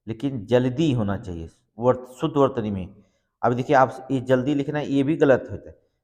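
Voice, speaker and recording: His voice is mid-range with a darkish tone as he leads an exam-prep lesson, taking each answer step by step and checking it more than once. The recording carries a long room reverb.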